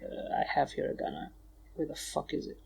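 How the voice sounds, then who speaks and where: A man's voice: fairly quick, darkish tone. Male podcast co-host; casual, teasing, profane banter. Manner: joking, bickering, swears freely. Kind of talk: casual chat.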